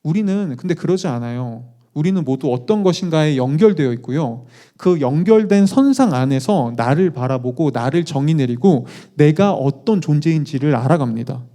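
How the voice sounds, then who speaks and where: A male pastor preaching a conversational sermon, animated, putting questions to the congregation with self-deprecating asides. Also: a little high, normal speed.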